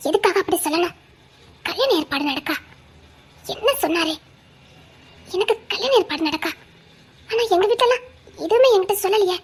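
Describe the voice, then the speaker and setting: A woman playing a young separated wife and student, speaking with a Tirunelveli Tamil accent in a musing, soft-spoken way. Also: extremely high pitch, fast talker.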